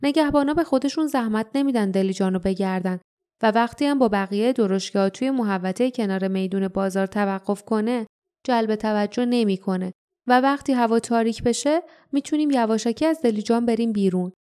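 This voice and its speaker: A woman voicing a tough grown warrior who firmly explains the plan as the group's steady leader. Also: on the high side, clean tone, natural voice. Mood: explaining. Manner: firm, explaining plans.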